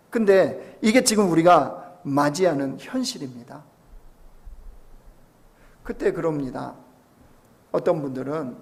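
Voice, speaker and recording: A man preaching a Sunday sermon in a fairly high, gravelly voice. He keeps turning to the congregation with rhetorical questions. He moves between soft, hushed asides and raised, emphatic lines. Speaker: pastor.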